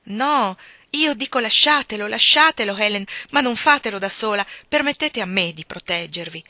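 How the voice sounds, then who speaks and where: Brief: woman voicing a pleading, impassioned gentleman suitor, audiobook, bright forward tone. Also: mid-range voice, moderate pace, no echo. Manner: impassioned, insistent, rising to loud outbursts. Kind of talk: audiobook reading.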